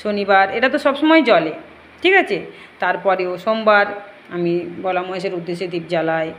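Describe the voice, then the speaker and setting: A woman's voice: medium pitch, fairly quick, fairly bright tone. A woman talking earnestly and pleadingly to viewers in a devotional home video, with faint noise behind her. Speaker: home shrine devotee vlogger. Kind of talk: devotional home vlog talk.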